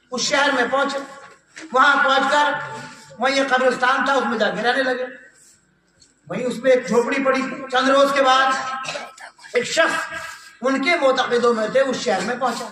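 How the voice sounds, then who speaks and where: A man preaching a sermon and telling a story to a gathering, at times chanting verse and raising his voice to a shout. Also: steady tone, measured pace, pauses often, far from the mic, a little hiss or hum. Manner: rising into chanted, shouted verse, then dropping to a low telling tone. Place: religious gathering hall. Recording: echoey hall, voice from afar.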